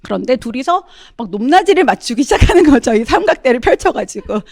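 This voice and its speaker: A woman's voice: high-pitched, very animated, quick pace, a little mellow, no echo, studio quality. A middle-aged woman giving a testimonial talk, often turning to address her audience as she tells her story.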